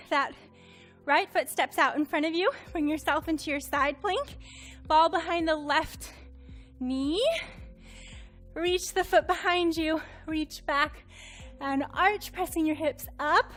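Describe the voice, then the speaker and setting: A woman's voice: very high-pitched, takes it slowly, long pauses, fairly bright tone, faint music behind. A woman instructor cueing a Pilates workout, counting reps and encouraging, a little out of breath. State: slightly out of breath.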